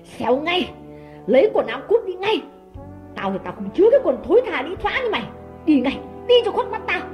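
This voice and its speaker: A man voicing a jealous, abusive woman who shrieks threats at her maid in a high falsetto. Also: big pitch swings, brisk, dull audio, faint music behind. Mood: contemptuous. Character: harsh shrill jealous mistress, middle-aged woman.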